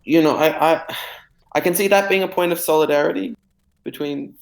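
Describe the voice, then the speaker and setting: A man on a podcast call whose audio keeps cutting out and glitching, speaking in a halting way with many fillers. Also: a little high, vocal fry, echoey room, low-quality recording. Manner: halting, with frequent "you know" fillers. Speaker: podcast co-host. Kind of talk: casual political chat over an online call.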